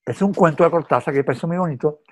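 A man's voice: fairly high pitch, fast talker, darkish tone. A man with a Venezuelan accent in casual film chat, hesitant and repeating words as he tells stories.

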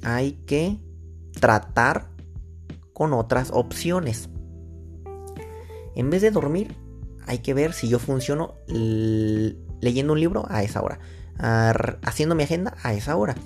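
A man's voice: medium pitch, lively intonation, slow pace, pauses often, faint music behind. Give me a rambling Mexican man hosting a podcast. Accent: Mexican Spanish. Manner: rambling, slangy, thinks aloud and wanders off topic. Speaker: podcast host. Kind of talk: casual solo podcast chat. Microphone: own microphone.

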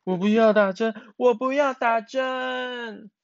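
A man's voice: a little high, animated, moderate pace, dry recording, dull audio. A man voicing a small girl chick who is frightened of getting a shot, speaking in a whiny, pleading way. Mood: crying. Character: little chick girl, scared of shots.

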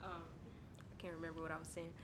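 A woman's voice: deep voice, flat delivery, quick pace, slight background noise. A young woman, chatting casually in rambling, slangy talk full of "like". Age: young adult. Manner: rambling, heavy use of like.

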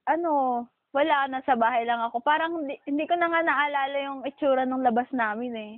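A woman's voice: sits high, fairly quick, dry recording. A young Filipino woman co-hosting a podcast, chatting animatedly and laughing, recorded by phone. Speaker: podcast co-host. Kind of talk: casual chat. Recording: phone line, dry.

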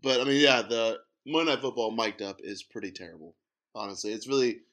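Guy on a sports podcast, bright forceful voice, gets worked up fast. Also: lowish voice. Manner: animated, gets fired up and rants. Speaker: podcast co-host. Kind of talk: casual sports chat.

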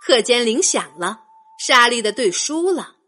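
Expressive woman storyteller for kids. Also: on the high side, unhurried, soft background music. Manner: gentle, expressive, addresses children directly. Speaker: children's storyteller. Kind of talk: storytelling for children.

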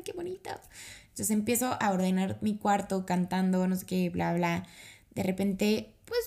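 A woman with a Mexican accent tells a personal story straight to her audience, casual and chatty. Her voice has a gravelly, fry-edged texture at a middle pitch. She jumps into higher tones whenever she acts out dialogue. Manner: animated, acts out quotes in a higher voice.

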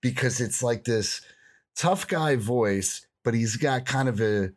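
A man's voice: medium pitch, slow. A man co-hosting a casual podcast, chatty and jokey, with lots of "like". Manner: chatty, joking, lots of "like" and laughter. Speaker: podcast co-host.

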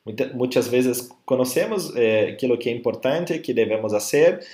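A man teaching a group as a workshop facilitator, mixing Portuguese and Spanish within his sentences and halting as he searches for words. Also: medium pitch, expressive, noisy background. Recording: roomy echo.

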